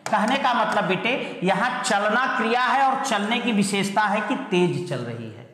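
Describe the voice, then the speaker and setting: A man's voice: sits high, animated, bright, forceful tone, a little hiss or hum. Echoey male teacher drilling grammar. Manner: drills students with repeated questions, calls them "beta"; slows right down to spell out example sentences. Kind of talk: online exam-prep grammar lesson. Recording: very echoey room with long reverb.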